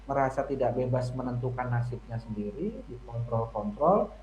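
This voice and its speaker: A man's voice: mid-range voice, normal speed, darkish tone, roomy sound, highs cut off, a little hiss or hum. A man speaking as a family psychology guest on a radio talk show, explaining points and acting out children's lines.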